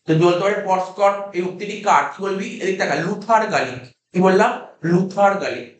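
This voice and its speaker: High-voiced Bengali teacher in an echoey room. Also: male voice, expressive, brisk. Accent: Kolkata Bengali. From India. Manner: drills students with repeated questions. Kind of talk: classroom lecture.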